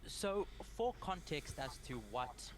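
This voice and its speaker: A man's voice: on the high side, big pitch swings, a little hiss or hum. Zimbabwean-born man speaking phrase by phrase. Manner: measured, pausing phrase by phrase. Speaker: guest Bible study presenter. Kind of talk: prayer and Bible study talk, paused for interpreter.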